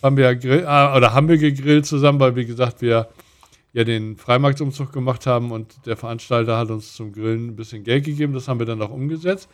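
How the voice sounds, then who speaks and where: A man's voice: mid-range voice, fairly even intonation, fast talker. A middle-aged man co-hosting a casual podcast, easygoing, moving the talk on to the next topic. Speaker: podcast co-host. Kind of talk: casual chat.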